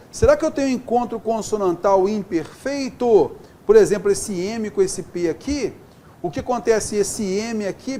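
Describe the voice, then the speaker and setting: A man's voice: sits high, a little hiss or hum. A man teaching a Portuguese grammar lesson with a Brazilian accent, explaining step by step and checking in often with the class. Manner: lively, keeps checking in with "beleza?" and "tá?".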